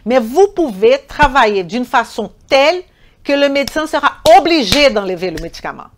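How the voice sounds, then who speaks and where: A woman's voice: high-pitched, big pitch swings, moderate pace. A woman with a foreign accent teaching a live online nutrition class. She talks emphatically, repeats words and corrects herself, and answers chat questions directly. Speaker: nutrition trainer.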